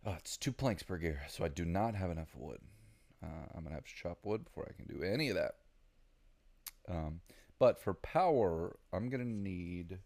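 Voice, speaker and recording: A man's voice: sits low, animated, normal speed, a little mellow. A man with a Southern American accent giving casual, rambling gameplay commentary, thinking aloud with lots of ums. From Southern United States. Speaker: gaming video creator.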